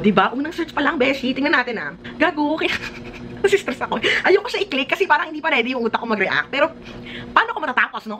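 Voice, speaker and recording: A young Filipino woman with a Filipino accent reacting to a music video, excitable and squealing. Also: high voice. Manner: excitable, squealing, mixing Tagalog and English slang. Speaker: YouTuber. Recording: music playing loudly behind. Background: loud music from the video.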